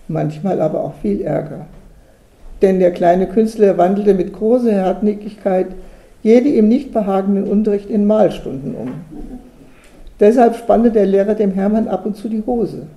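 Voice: mid-range voice, creaky. A narrator reading a children's storybook aloud, livening it up by giving the characters voices. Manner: lively voicing of characters. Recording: roomy echo.

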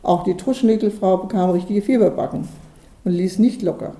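A woman reads a story aloud in a lively storytelling manner. Her voice is mellow and warm-toned at a mid pitch. She is recorded in a roomy, echoey space. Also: normal speed. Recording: echoey room.

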